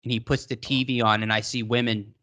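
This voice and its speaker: A man's voice: mid-range voice, little pitch movement, fairly quick, pushed and bright. A man in his late twenties from Massachusetts, co-hosting a podcast and giving rambling, emphatic opinions in casual discussion. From Massachusetts, United States. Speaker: podcast co-host.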